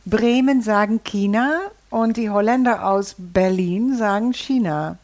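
A woman's voice: mid-range voice, unhurried, darkish tone. Dutch-accented woman co-hosting a podcast. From Netherlands. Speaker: podcast co-host. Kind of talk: casual chat.

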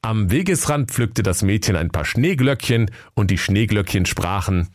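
A man with a northern German accent narrating a comic fairy tale in a lively, playful storytelling manner. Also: fairly low pitch, normal speed, no echo, clean studio sound.

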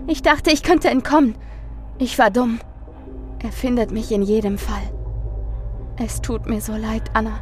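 A woman's voice: a little high, fairly even intonation, a little slow, long pauses, a little mellow, soft background music, natural voice. A woman voicing a frightened, remorseful young woman who pleads and apologizes in a story reading. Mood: despairing.

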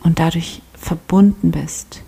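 A woman leading a guided prayer meditation, speaking softly and often in a half-whisper with calm instructions. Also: low voice, takes it slowly, gravelly, breathy edge. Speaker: prayer leader.

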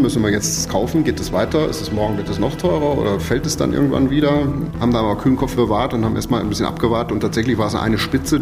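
A man's voice: fairly low pitch, creaky, in a large hall. A man working in energy purchasing, giving patient interview answers and explaining with everyday comparisons.

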